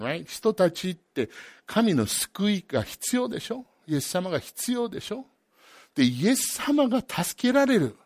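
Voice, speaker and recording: A man preaching a sermon as a pastor, switching between two languages and swinging from loud emphatic peaks to quiet asides. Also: high-pitched, no echo, clean studio sound. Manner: alternates each point between two languages. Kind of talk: bilingual sermon.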